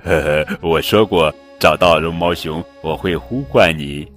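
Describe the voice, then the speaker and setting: Brief: mischievous elephant cousin, low voice, chuckling, voiced by a man. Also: unhurried, soft background music. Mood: teasing. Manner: chuckling, teasing. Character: playful prankster elephant cousin.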